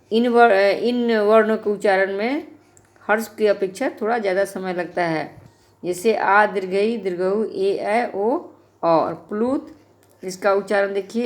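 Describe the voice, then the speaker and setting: A woman's voice: mid-range voice, darkish tone. A woman teaching a grammar lesson to schoolchildren, explaining patiently and speaking to the children directly.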